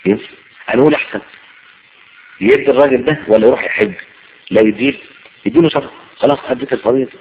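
A man's voice: medium pitch, lively intonation, fast talker, gravelly, long pauses, slight background noise. A man with an Egyptian Arabic accent preaching a sermon, firing rhetorical questions and answering them himself. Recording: muffled lo-fi recording.

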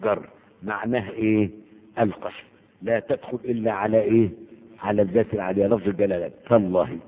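Delivered in a lowish, steady voice at a slightly quick pace, this grammar lesson comes from an Egyptian man with an Egyptian Arabic accent who asks his class questions and then answers them himself. The sound is that of an echoey hall carried over a thin, phone-like connection.

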